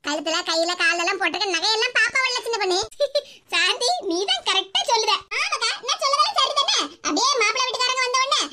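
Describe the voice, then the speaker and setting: A woman doing squeaky, chattering village aunties. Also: lively intonation, very noisy. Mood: bossy. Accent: Tirunelveli Tamil. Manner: fast, squeaky, teasing chatter. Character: chatty bossy middle-aged village neighbor women.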